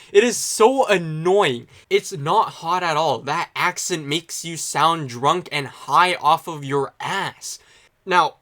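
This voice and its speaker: A young man delivers a casual opinion monologue in a rambling, sarcastic way, poking fun at himself as he goes. His voice is bright and sits a little high, with a forceful edge to it. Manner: rambling, sarcastic, self-mocking. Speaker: YouTube commentator.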